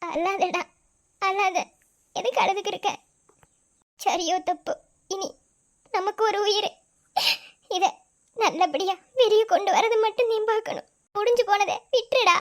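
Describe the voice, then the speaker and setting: A woman's voice: very high voice, a little slow, long pauses. A woman voicing a young pregnant village woman in a cartoon, tender and steadfast, with a Madurai Tamil accent. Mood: consoling. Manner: soft, consoling, tearful at times. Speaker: cartoon character. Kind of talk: emotional cartoon drama dialogue.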